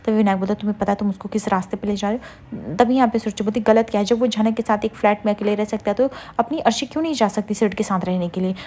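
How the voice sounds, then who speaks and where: Fast-talking woman retelling a serial. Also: mid-range voice, warm tone. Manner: rapid retelling with fillers, quotes each character in turn. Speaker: serial recap narrator. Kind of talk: casual story recap.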